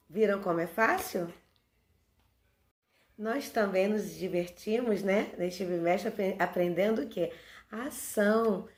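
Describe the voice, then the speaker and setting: A woman with a Brazilian Portuguese accent teaches young children a recorded review lesson, speaking slowly and unhurriedly. She patiently asks questions and then answers them herself. Her voice sounds roomy and echoey, as if recorded in a bare room. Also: medium pitch, a little mellow. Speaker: primary school teacher.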